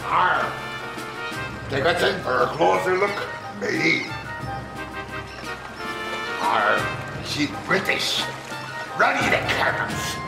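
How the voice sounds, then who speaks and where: An actor playing a gruff, blustering old salt of a pirate captain with a gravelly voice and theatrical pirate growls. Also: male voice, a little high, big pitch swings, slow, long pauses, full character voice. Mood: excited shouting. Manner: stock pirate talk with growled arrs. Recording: roomy, loud music underneath.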